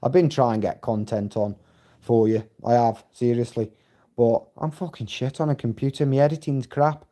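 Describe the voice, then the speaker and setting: A man's voice: mid-range voice, fairly even intonation, moderate pace, dark tone. A middle-aged man, chatting casually on a live stream, rambling and swearing freely as he tells stories. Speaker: livestream host.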